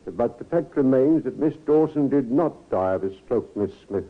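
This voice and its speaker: An actor playing a formal, methodical police inspector with a measured, probing manner, in old-time radio style on a tinny recording. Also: male voice, medium pitch, animated, close to an everyday voice.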